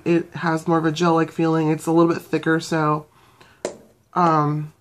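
Young woman, low voice, casual beauty review, rambling, lots of ums. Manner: rambling, with fillers and self-corrections. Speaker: beauty vlogger.

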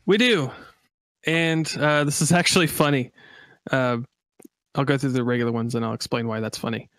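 A man co-hosting a casual gaming podcast, playful and upbeat as he reads out subscriber shout-outs and riffs on jokes. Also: medium pitch, moderate pace, no echo. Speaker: podcast co-host.

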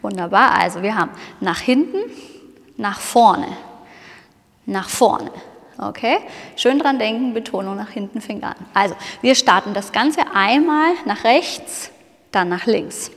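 A woman's voice: mid-range voice, lively intonation, a little slow. Woman, dance instructor, encouraging cues and counts, large room, long hall echo. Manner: encouraging, counts and cues the moves, often says "wonderful". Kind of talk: movement class instruction.

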